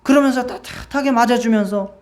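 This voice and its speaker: A woman's voice: on the high side, a little fast, darkish tone. A woman pastor preaching in church, telling a story and asking the congregation questions. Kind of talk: sermon with storytelling.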